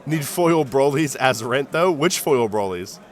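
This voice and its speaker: Lively male stream commentator, chatty and jokey, reads chat aloud, voice swoops around a lot. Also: medium pitch, measured pace. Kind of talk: live card game commentary.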